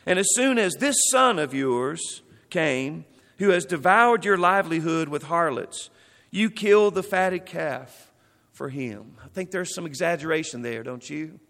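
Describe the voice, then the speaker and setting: A man's voice: on the high side, expressive, unhurried, a bit bright, in a large hall. A man preaching a sermon. He reads scripture passages aloud and then explains them.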